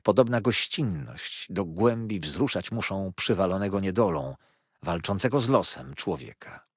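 A man voicing a pompous, tearful, middle-aged gentleman with grandiloquent, flowery speech and emotional outbursts. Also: sits low, lively intonation, moderate pace, slightly rough, no echo, studio quality, heavily acted.

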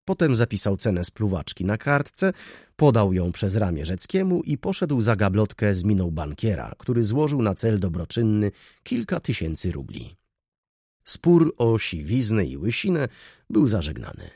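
Brief: male narrator, low and breathy, animated delivery, dry room. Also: moderate pace, dry recording. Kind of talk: audiobook narration.

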